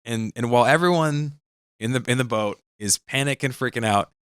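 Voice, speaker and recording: A man's voice: medium pitch, normal speed, fairly bright tone, clear, resonant tone, dry recording, clean studio sound. A man co-hosting a podcast, retelling scenes in an earnest, dramatic way. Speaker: podcast co-host. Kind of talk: casual chat recapping an anime episode.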